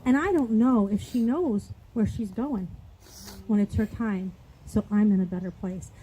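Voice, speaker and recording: A woman's voice: mid-range voice, measured pace, dark tone, slight background noise, low-quality recording. A woman giving a heartfelt eulogy for her husband at a memorial, talking in an earnest, raw way that turns pleading at times.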